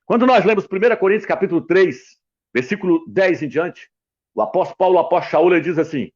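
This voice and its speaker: A man's voice: high-pitched, animated, fast talker, a little mellow. A middle-aged man, teaching the Bible emphatically as a preacher, repeating his points and speaking straight to the viewer. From Brazil. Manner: repetitive, insistent, addresses viewer directly; writes letters out while explaining. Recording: dull lo-fi recording.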